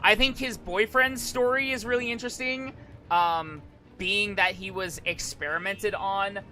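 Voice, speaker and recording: A man's voice: high-pitched, fairly even intonation, a little slow, sharp tone. A man streaming casual live commentary, rambling and hesitant, often repeating and restarting his phrases. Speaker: streamer, virtual YouTuber.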